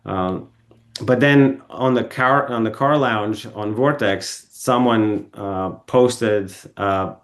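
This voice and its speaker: A man speaks as a podcast guest, his voice sitting a little low. He tells long stories in a relaxed, rambling way, stopping often to correct himself and filling gaps with ums. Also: takes it slowly. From Bulgaria. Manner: rambling, self-correcting, with frequent ums and restarts. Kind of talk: casual storytelling interview. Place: podcast studio.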